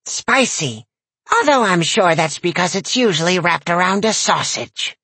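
A man's voice: high voice, lively intonation, measured pace, bright, forceful tone, slightly rough, dry recording, pitched above the performer's own voice, full character voice. A man voicing a crabby, foul-mouthed old woman who runs a shop, sneering and cackling.

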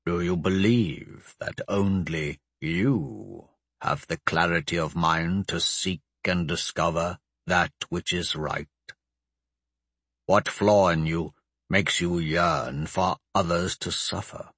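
An ancient undead sorcerer, with an extremely deep, husky voice. He speaks slowly and with commanding calm, cold and grandiose, in a dry, close audiobook sound. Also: dry recording, exaggerated voice. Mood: cold, probing. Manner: slow, measured, commanding. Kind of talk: audiobook character voice.

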